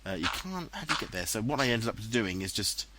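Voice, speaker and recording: With a lowish voice and a very animated, slightly fast delivery, an English-accented man casually pokes fun at himself while commenting on his own gameplay. The audio is very noisy; he recorded this let's play voice-over later at home on a headset and dubbed it in post-production.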